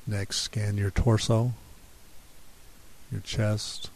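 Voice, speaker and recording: Low, mellow man guiding relaxation. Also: gravelly. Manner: calm, soothing, unhurried. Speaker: guided relaxation instructor. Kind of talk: guided relaxation narration. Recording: steady hiss behind the voice.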